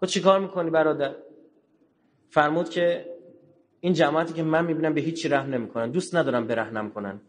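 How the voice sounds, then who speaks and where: A man giving a religious lecture in a colloquial way, telling stories and acting out the dialogue, with sudden low, quiet asides. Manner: colloquial, acts out dialogue in quotes.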